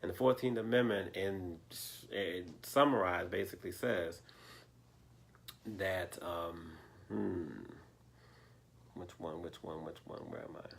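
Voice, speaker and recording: A man hosts a loose political discussion, speaking straight to his audience in a low, gravelly voice. He stops now and then to find his train of thought. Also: slow pace. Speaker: host.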